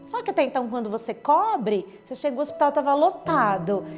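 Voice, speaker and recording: A woman with a slightly high voice gives a heartfelt church testimony. She tells the story in a vivid, emotional way and acts out the words of the people in it. Instrumental music plays clearly beneath her voice. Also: very animated, fairly quick. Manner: emotional, vivid retelling with quoted dialogue. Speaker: church member giving testimony. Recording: clear background music under speech. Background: soft instrumental music.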